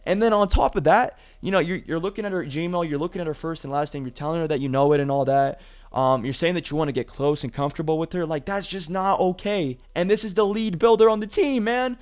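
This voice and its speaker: A man's voice: on the high side, fast, a little mellow, clear, resonant tone. A man hosting a gaming commentary video, talking casually with lots of "you know" and "like". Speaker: gaming YouTuber.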